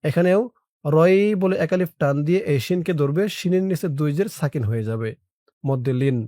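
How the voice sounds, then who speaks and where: A man teaching Quran recitation in a lesson. He spells out letters and vowel marks slowly, then chants the verses in long drawn-out tones. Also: on the high side, warm tone, no room sound, clean studio sound. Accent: Bangladeshi Bengali.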